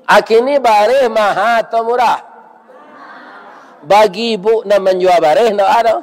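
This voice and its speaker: Older village preacher, Minangkabau accent, chatty and bantering, voice sits a little high. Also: male voice, unhurried. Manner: folksy, bantering, keeps asking "iya kan?". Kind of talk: village sermon with crowd questions.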